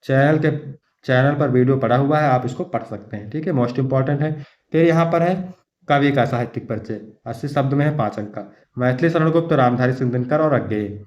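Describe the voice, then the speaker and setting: A man's voice: mid-range voice, a little fast, a little mellow. Man teaching, echoey room. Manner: addresses students affectionately, reads verses then explains them. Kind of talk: exam-prep lecture.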